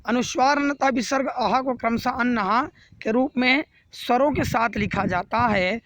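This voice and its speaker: A man's voice: extremely high pitch, normal speed, a bit bright, dry recording. A man teaching a grammar lesson to children, repeating each rule and then asking and answering his own questions. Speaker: Hindi teacher.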